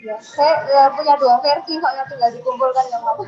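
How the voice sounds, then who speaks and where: A woman's voice: high voice, brisk, darkish tone, slightly rough. Woman from Indonesia, polite caller, dull sound, music behind. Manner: polite, asks plainly. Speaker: caller asking a question. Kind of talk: casual call-in question.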